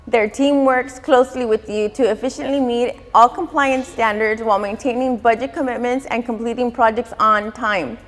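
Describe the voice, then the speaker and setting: A woman reading scripted sponsor announcements as a podcast ad narrator. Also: on the high side. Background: music.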